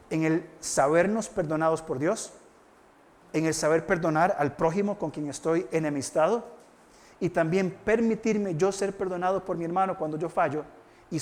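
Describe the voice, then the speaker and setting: A man preaching a sermon, reflective and earnest, asking the congregation rhetorical questions and reading scripture slowly. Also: a little high, darkish tone. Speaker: pastor.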